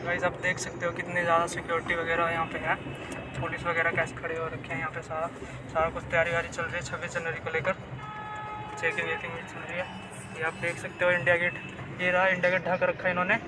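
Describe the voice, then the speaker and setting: A young man from Bihar vlogs about his travels in a fairly high, completely flat voice, talking fast and casually into a phone held at arm's length. He repeats himself and mixes in English words, starting outdoors in the city and then moving inside a moving car, with city traffic noise behind him.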